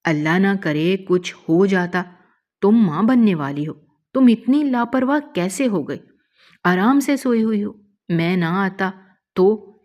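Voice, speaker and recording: Brief: woman reading a young husband, warm but short-fused, low-voiced. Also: muffled recording, close to an everyday voice. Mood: scolding. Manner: scolds loudly, then softens. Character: young husband, loving but quick-tempered. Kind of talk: emotional story reading.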